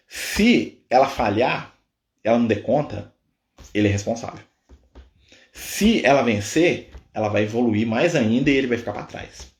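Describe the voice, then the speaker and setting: A man's voice: mid-range voice, a little mellow. A man leading a Spiritist study on a livestream, retelling a story animatedly and checking in with constant tag questions. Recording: echoey room.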